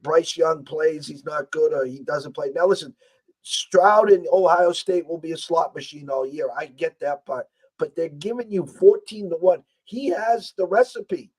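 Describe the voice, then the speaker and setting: An American man with a hoarse, strained voice that is nearly gone, hosting a casual sports betting talk show. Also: a little high, moderate pace, darkish tone, poor audio. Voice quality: husky, strained voice. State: hoarse, losing his voice.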